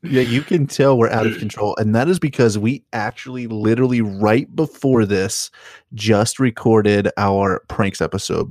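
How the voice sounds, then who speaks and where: Brief: young man, lowish voice, rambling chat, dry close mic. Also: darkish tone, dry recording. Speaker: podcast co-host. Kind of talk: casual chat.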